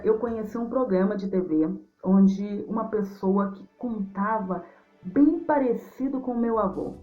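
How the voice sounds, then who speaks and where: A Brazilian woman from Mato Grosso do Sul, a storyteller and writer, answering interview questions for young listeners in an affectionate, effusive way. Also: medium pitch. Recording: dull lo-fi sound with music.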